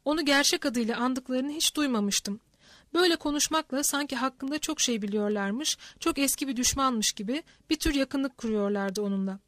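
Female audiobook narrator, high voice, steady even read; dry close mic. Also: normal speed, no room sound. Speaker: audiobook reader. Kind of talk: scripted narration.

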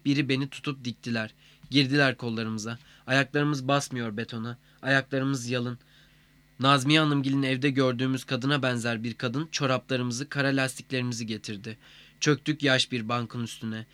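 A man reading a literary first-person story in a plain, measured way. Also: mid-range voice, fairly bright tone, no room sound.

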